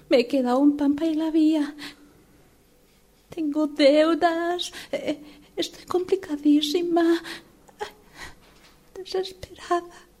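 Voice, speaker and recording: In a radio drama, a female voice actor with a high, warm voice plays a humbled former manager, a middle-aged woman desperate to find work. Her delivery is hesitant, halting and deferential.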